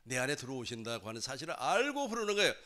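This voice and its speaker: Male pastor, sermon, emphatic and dramatic, bright forceful tone. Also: medium pitch, very animated, rapid-fire. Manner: emphatic, acts out loud pleading cries. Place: church sanctuary.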